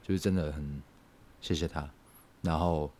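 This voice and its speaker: A young man, telling a personal story on a podcast in a halting, reflective way. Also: very deep voice, fairly even intonation, a little mellow. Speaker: podcast co-host. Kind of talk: casual podcast chat.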